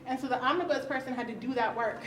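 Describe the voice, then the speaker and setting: A woman's voice: sits high, quick pace, a bit bright. A woman speaking frankly and conversationally on a conference panel, often laughing as she talks. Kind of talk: candid personal talk at a roundtable. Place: conference session room. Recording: roomy, distant, faint hiss.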